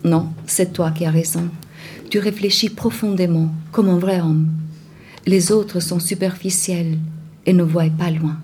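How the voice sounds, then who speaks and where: A woman voicing a worldly young woman who speaks frankly but gently. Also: fairly low pitch, steady tone, a little slow, faint music behind, natural voice. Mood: tender. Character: worldly young woman, blunt yet tender.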